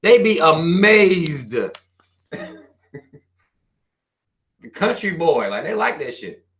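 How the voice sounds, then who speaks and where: A man's voice: a little high, very animated, slow, fairly bright tone. Blunt profane Southern American man. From US South, Carolinas. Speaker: channel host reading viewer comments. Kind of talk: casual livestream rant.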